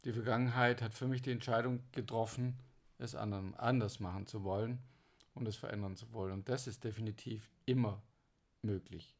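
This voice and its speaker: A man's voice: lowish voice, fairly even intonation, brisk, a little mellow. Supportive man co-hosting a podcast. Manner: agreeable, chimes in, supportive. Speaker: co-host, relationship coach. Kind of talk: conversational podcast talk.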